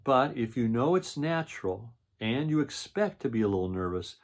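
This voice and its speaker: A man's voice: mid-range voice, sing-song, moderate pace. Older man reading as patient mother bear. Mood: patient advice. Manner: patient, advising, in a grandpa's reading voice. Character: reassuring, practical mother bear in a storybook.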